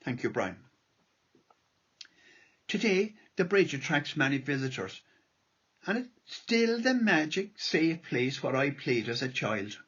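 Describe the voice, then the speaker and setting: A man's voice: a little high, big pitch swings, slow pace, long pauses, a bit bright, husky, dull audio. An Irish man reading a prepared lecture aloud as a local history speaker.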